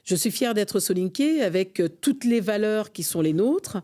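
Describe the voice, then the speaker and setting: Guesting on a podcast, this association vice-president from France talks with passionate sincerity, often hesitating. She is middle-aged, her mid-range voice dark-toned and lively in intonation, paced moderately.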